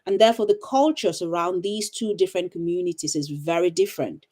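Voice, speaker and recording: Casting: middle-aged woman from Cameroon, low warm voice, reflective teacher type, many ums. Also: fairly quick. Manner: thoughtful, with frequent ums and restarts. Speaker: teacher and coach. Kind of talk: casual interview answers. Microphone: video call.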